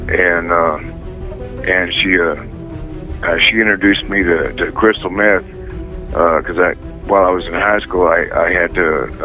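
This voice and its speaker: A man in his fifties speaking haltingly with many pauses, calling in over a prison phone line. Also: low-pitched. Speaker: inmate guest calling in.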